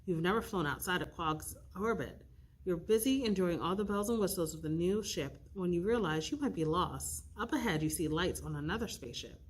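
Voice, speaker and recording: A woman reading an interactive storybook aloud, expressive and stopping to pick the story's path. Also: lowish voice, brisk, slightly rough. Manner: expressive, with slips and restarts, rolling dice for choices. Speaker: youth librarian reading aloud.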